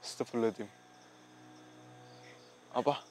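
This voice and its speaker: A man's voice: mid-range voice, normal speed, a little mellow, a little hiss or hum. A man hosting a paranormal investigation vlog, talking earnestly to a spirit and to his viewers. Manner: earnest, speaks to spirits and viewers, keeps saying "Mas". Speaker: ghost-hunting vlogger.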